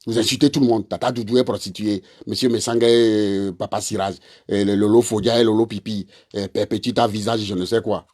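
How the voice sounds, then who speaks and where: A man's voice: mid-range voice, darkish tone, slightly rough. A man, delivering a confrontational, repetitive monologue that scolds his listeners directly. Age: 40s. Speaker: online commentator; father and husband. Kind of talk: ranting monologue to camera.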